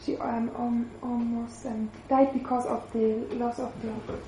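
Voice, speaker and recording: A woman interpreting a church testimony live, halting and searching for words with many fillers. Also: a little high, level tone, mellow, slight background noise. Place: church hall. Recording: roomy hall echo.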